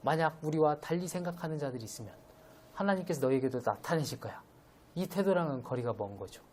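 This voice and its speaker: A man's voice: a little high, lively intonation, quick pace, slight background noise. Young conversational male preacher. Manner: conversational, gently teasing, acts out quoted voices. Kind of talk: midweek sermon.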